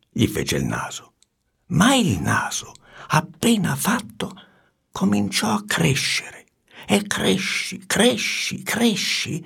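A man reading a storybook aloud with an expressive, swinging delivery and hushed asides. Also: mid-range voice, vocal fry, breathy edge.

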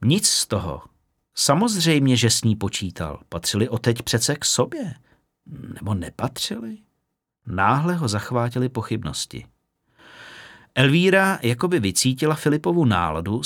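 Brief: man narrating a novel, expressive storytelling, middle pitch, dry studio sound. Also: no echo. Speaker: audiobook narrator. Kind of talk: scripted narration.

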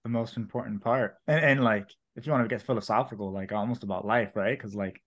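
Fast-talking man in his twenties. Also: on the low side, a bit bright. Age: 20s. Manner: fast-talking, filler-heavy storytelling. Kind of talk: casual chat.

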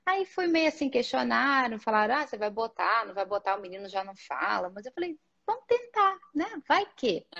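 A woman with a Brazilian Portuguese accent and a husky, slightly breathy voice tells family stories in casual chat, playing out the dialogue as she goes. The recording is dull and lo-fi. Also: a little high, fast talker, few pauses. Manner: lively storytelling, acting out dialogue. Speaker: immigrant mother.

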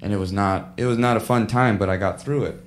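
A man's voice: fairly low pitch, fast talker, slight background noise. A man talking casually as a podcast guest, telling slangy, earnest stories about his own experience. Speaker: music producer, podcast guest.

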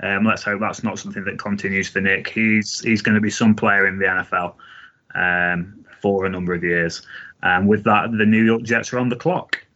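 A man's voice: lowish voice, fairly even intonation, moderate pace, sharp tone. A man on a sports podcast giving American football draft analysis as a panelist. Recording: slightly dull, lo-fi podcast audio.

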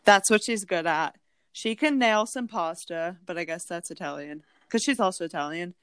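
A young woman tells a rambling family story on a casual podcast, full of restarts and bursts of laughter. Her voice is smooth and clear. The sound is dry and close. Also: on the low side, moderate pace, fairly bright tone, no echo. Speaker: podcast co-host.

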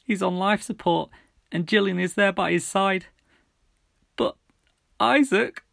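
A man voicing a gentle middle-aged mother, speaking softly and trembling as she breaks bad news. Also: high-pitched, measured pace, no echo, clean studio sound, pitched above the performer's own voice. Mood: sobbing. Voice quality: soft, trembling, breaking with sobs.

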